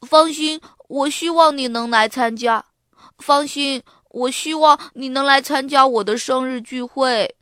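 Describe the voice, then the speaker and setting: A woman's voice: high voice, a little slow, pushed and bright, dry recording, studio quality. A woman voicing an eager, cheerful young boy aardvark in a read-aloud children's storybook. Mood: hopeful.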